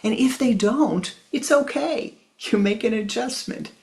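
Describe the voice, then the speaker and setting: Speaking softly and tenderly at a measured pace, a spiritual teacher with a gravelly edge to a mid-range voice repeats phrases for emphasis and calls listeners "my love." At times the voice sinks nearly to a whisper.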